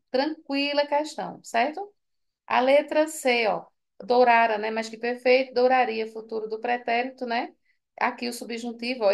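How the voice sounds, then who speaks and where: Woman teacher, tired, high gravelly voice, chatty exam walkthrough. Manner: chatty, asks students for confirmation. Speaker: Portuguese teacher. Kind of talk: exam correction lesson.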